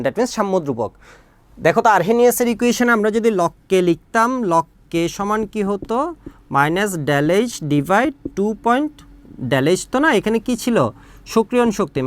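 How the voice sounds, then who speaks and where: A man's voice: high-pitched, no room sound. A man, teaching a recorded online chemistry lesson and explaining step by step while often asking the students whether they follow. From Bangladesh. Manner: explains step by step, often checks understanding with questions. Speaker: chemistry tutor.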